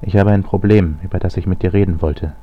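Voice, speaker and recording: Man voicing a calm young chronicler. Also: low voice, fast talker, slightly rough. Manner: calm and even, growing insistent. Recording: slightly lo-fi audio.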